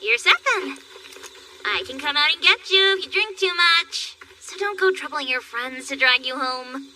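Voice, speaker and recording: A woman voicing a cheerful, caring young farm girl in an anime English dub, fussing and gently teasing. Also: high voice, normal speed.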